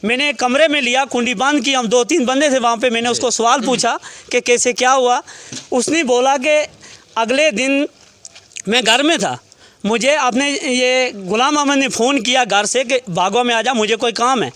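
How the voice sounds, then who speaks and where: A man's voice: very high voice, moderate pace, fairly bright tone. A man, a relative of a murder victim, recounting events to a reporter in detail and quoting what each person said.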